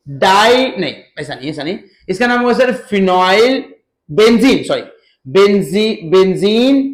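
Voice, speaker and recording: A male chemistry teacher with a high voice gives an animated lecture in an echoey room. He asks his class questions and answers them himself, and jokes as he goes.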